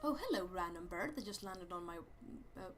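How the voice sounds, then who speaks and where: A let's play host with a Swedish accent voices a goofy, rambling persona, stammering hesitantly through video game commentary and yelping with jumpy exclamations when startled. His voice sits high with lively intonation at normal speed, and loud game music plays behind him.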